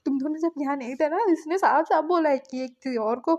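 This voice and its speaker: A woman's voice: high-pitched, fairly quick, warm tone, dull audio, lightly acted. A woman doing a tearful, sulky young man. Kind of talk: storybook reading.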